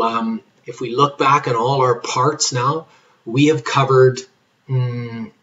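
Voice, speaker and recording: A man who is a pharmacist, explaining medicines in an informal health video, losing his voice and talking haltingly with many fillers and restarts. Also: mid-range voice, a bit bright, muffled recording.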